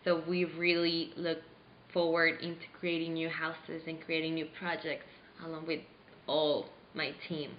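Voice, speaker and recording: Low-voiced young woman from Venezuela. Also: little pitch movement, slight background noise. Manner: earnest, halting with fillers. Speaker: interviewee playing a charity founder. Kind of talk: staged mock interview. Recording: roomy, slightly dull sound.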